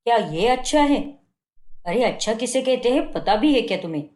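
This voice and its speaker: A woman's voice: fairly high pitch, lively intonation, moderate pace, darkish tone, reverberant, lightly acted. A woman voicing a fault-finding young husband in a cartoon, scolding and contemptuous. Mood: scornful. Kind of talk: Hindi cartoon dubbing.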